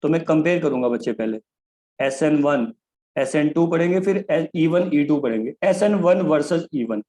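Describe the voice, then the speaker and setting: A man giving a chemistry lecture, often calling his students "kids" and switching between Hindi and English. He slows down deliberately to spell out key phrases. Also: fairly high pitch, lively intonation, mellow, poor audio. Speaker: chemistry teacher. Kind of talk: classroom lecture.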